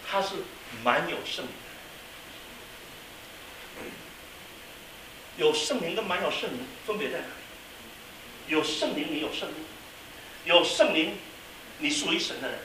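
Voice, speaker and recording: A man preaching a sermon as a pastor, telling a story and swinging from quiet asides to loud exclamations. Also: a little high, animated, unhurried, long pauses. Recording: echoey hall, mic at a distance, faint hiss.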